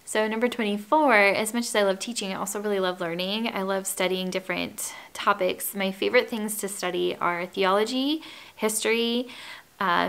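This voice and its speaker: A home and lifestyle YouTuber in her thirties chats casually to camera from her wood-floored living room in a get-to-know-me video. Her medium-pitched voice is breathy and calming, and she's gentle and calm with light laughs, filmed chest-up.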